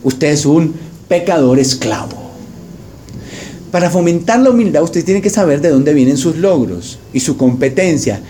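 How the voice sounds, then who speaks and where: A man's voice: a little high, sing-song, normal speed, dark tone, a little hiss or hum. A man preaching a sermon as pastor, speaking straight to his congregation, joking and mimicking people as he talks. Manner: jokey, mimics voices, addresses congregation directly.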